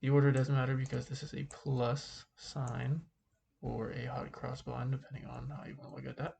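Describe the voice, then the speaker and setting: A man speaking through a face mask, giving an informal calculus lesson in a halting way, thinking aloud as he goes. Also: medium pitch, level tone, vocal fry, a little mellow, slight background noise. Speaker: math teacher.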